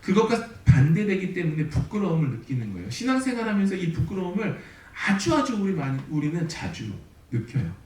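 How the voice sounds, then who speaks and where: A man's voice: high voice, a little fast, hardly any pauses. A man pastor preaching a sermon, telling the story vividly and acting out the voices of the people in it. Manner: animated storytelling, acts out quoted voices. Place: church sanctuary. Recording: roomy sanctuary sound from a distant mic.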